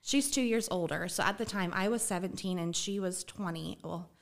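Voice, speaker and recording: A woman's voice: lowish voice, normal speed, gravelly. Chatty young woman guest. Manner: chatty, laughs often while telling. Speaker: podcast guest. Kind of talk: casual storytelling.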